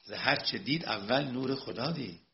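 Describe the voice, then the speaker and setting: Gravelly man giving a religious lecture. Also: medium pitch, animated. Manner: swings from soft storytelling to loud emphatic preaching. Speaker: cleric lecturer. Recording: dull lo-fi recording.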